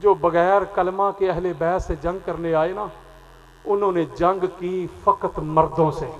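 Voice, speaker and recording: A man giving an impassioned Muharram sermon at an outdoor gathering, swinging between loud declamation and quiet lines. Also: high-pitched, steady tone, a little slow, poor audio. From Pakistan. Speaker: religious preacher. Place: outdoor gathering at a market square.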